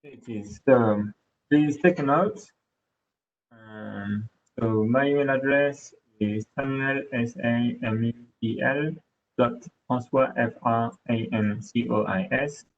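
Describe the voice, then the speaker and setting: A man's voice: medium pitch, slow pace. A man with a French accent answering questions at the end of a technical webinar, hesitant, with many fillers. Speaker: product specialist presenter. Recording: dull lo-fi webinar audio.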